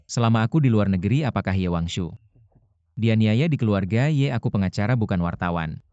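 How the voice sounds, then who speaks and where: A cold, composed male lawyer with a low, mellow voice, as an actor dubs him. He speaks calmly and in clipped lines. The dry studio dub sounds slightly dull. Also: a little fast, no echo, close to an everyday voice. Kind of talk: dubbed short drama.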